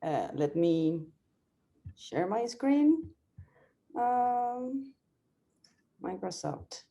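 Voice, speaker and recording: Mellow-voiced woman speaking on a video call. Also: a little high, very animated, drawn-out words, gravelly. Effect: heard over a video call. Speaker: guest speaker, operations lead. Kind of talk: webinar presentation.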